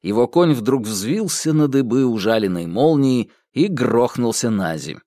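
A man narrating a fairy tale audiobook, expressive and acting out voices. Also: medium pitch, measured pace, dry recording, clean studio sound. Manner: expressive storytelling, acts out voices.

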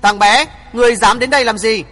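A man's voice: sits high, steady tone, brisk, bright, forceful tone, in a large hall, soft background music. A man reading aloud, voicing a cold, proud old woman hermit of the martial world who speaks in curt, commanding words. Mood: cold, scornful.

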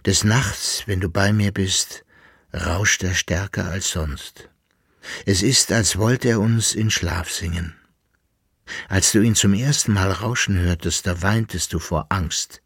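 A frightened young woman full of tenderness and guilt, read by a man in a low, husky, hushed voice. The pace is slow and unhurried, and the sound is dry and close to the mic. It comes from a storybook reading. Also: no echo, heavily acted. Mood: tender, fearful. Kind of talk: audiobook reading.

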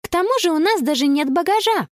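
A woman voicing an excitable young girl in a children's story, pushing her voice high. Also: normal speed, no room sound, studio quality. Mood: excited.

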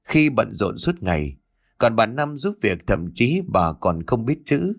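Guy reading a ghost story, lowish voice, super animated. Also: measured pace. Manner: expressive storytelling. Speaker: narrator. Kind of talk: ghost story audiobook narration.

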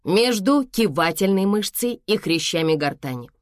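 Stern doctor mom, icy and clipped, barking firm orders, read by a woman; lively pitch, dry. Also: normal speed, no echo, natural voice. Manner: curt, firm instructions. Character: cool-headed mother, a doctor, icy and commanding.

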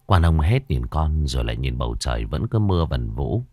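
A man narrating a ghost story as a storyteller, slow and expressive. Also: extremely low pitch, no room sound, clean studio sound.

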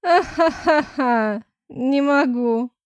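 A woman's voice: on the high side, a little slow, darkish tone, no room sound. A woman reader voicing a cruel young woman who mocks in a nasal voice in an audiobook. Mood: mocking. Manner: mocking, scornful.

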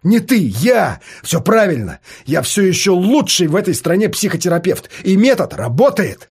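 A man voicing a brash, confident male psychologist who talks in a commanding, provocative way, with a husky voice. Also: high-pitched, big pitch swings, moderate pace, a little mellow, full character voice. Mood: elated.

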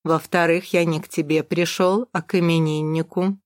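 A woman's voice: low-pitched, fairly even intonation, normal speed, dry recording, clean studio sound, close to an everyday voice. Woman doing a smug mocking rich man. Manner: sneering, taunting.

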